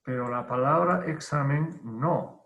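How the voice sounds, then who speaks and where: A male teacher giving an online grammar lesson, who explains deliberately, repeats key terms and asks and answers his own questions. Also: mid-range voice, fairly bright tone. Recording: roomy, dull lo-fi online class audio.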